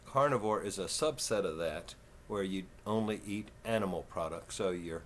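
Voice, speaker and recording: A man in his fifties with a Texan southern twang, talking slow and folksy in a rambling, casual vlog. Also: low-pitched, slight background noise. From Texas. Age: 50s. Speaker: vlogger.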